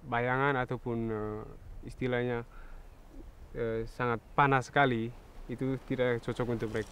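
Young man guiding, quick talker. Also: medium pitch, level tone, a bit bright, a little hiss or hum. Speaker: park guide. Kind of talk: explaining to visitors. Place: outdoors in dry open bushland.

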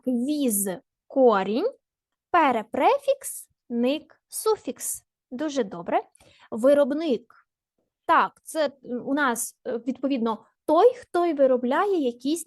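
Slow, high-voiced woman teacher. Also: dry recording, studio quality. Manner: slow, deliberate, spelling out word parts. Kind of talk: recorded grammar lesson for children.

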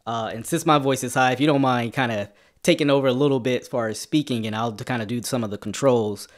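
A man's voice: medium pitch, fast. A man hosting a casual livestream, guiding the talk and prompting his guest with questions. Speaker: channel host.

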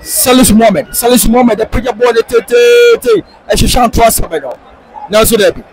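A man with a Ghanaian accent giving live football commentary, excitable and sing-song, rising into shouts on attacks. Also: very high voice, a little fast, soft background music, some chatter behind, poor audio. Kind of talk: live match commentary mixing English and Twi.

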